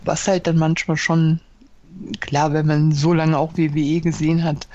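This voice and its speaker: A woman's voice: low voice, little pitch movement, normal speed, darkish tone. A woman chatting casually as a podcast co-host, hesitant and full of fillers and restarts. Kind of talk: casual wrestling chat. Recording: dull, dry lo-fi sound.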